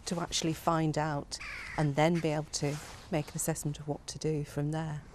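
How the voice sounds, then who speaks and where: A plain-spoken woman farmer in her fifties answers interview questions with a low voice. Her sentences trail off softly at the ends. Clear outdoor background noise runs under her words. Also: little pitch movement, normal speed. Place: outdoors by a farmyard vehicle.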